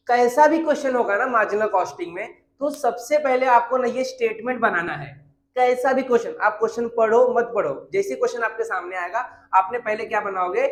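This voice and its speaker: At a whiteboard, a very high-voiced man leads a commerce class in Hindi sprinkled with terms. He repeats each key point and answers his own questions as the room echoes around him.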